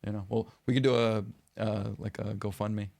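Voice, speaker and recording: A man co-hosting a podcast in casual chat, talking in halting, rambling stretches with many restarts. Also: lowish voice, little pitch movement, gravelly, a little mellow, dry recording. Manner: rambling, halting, repeats words. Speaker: podcast co-host.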